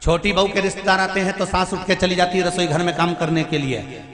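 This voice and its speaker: Folksy preacher in a hall. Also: male voice, high-pitched, little pitch movement, a little fast. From Madhya Pradesh, India. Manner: folksy, teasing, sometimes half-sung. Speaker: religious storyteller. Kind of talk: devotional sermon to a crowd. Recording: echoey hall with music behind.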